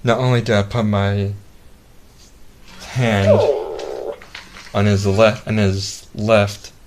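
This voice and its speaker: A man giving a casual product demonstration as a reviewer, speaking haltingly and often repeating and restarting his phrases. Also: on the low side, flat delivery. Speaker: toy reviewer. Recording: clearly noisy home-video recording.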